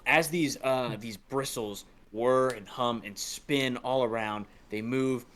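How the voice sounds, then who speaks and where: A man's voice: medium pitch, slow, a bit bright, a little hiss or hum. A man narrating as dungeon master of a tabletop game, casual and rambling, with lots of fillers.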